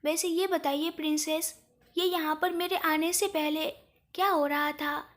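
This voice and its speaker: A woman voicing an affectionate young father, speaking gently in a storybook reading. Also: high voice, steady tone, unhurried. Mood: fond. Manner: gentle, fond tone.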